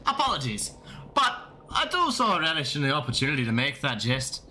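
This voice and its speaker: A man's voice: fairly high pitch, sing-song, moderate pace, pushed and bright, a little hiss or hum. A man voicing a pompous male clerk in a game, speaking in formal, archaic, mock-grand phrasing.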